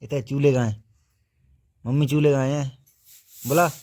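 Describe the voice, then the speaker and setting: A man, coaxing a baby in a casual home vlog with slow, repetitive baby talk. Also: mid-range voice, fairly even intonation, mellow, slight background noise. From Uttar Pradesh. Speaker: vlogger.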